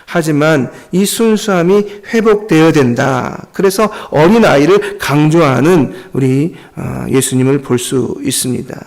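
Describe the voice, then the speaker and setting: A man's voice: on the high side, lively intonation, unhurried, creaky, hardly any pauses, darkish tone. A male pastor giving an earnest Sunday sermon and often addressing the congregation directly.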